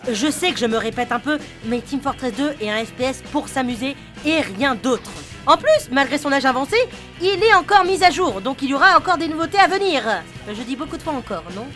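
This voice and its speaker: Bright, chatty woman narrating a game review. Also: sits high, expressive, fairly quick. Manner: chatty, addresses the viewer directly. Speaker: YouTube host and narrator. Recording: narration with music bed. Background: music.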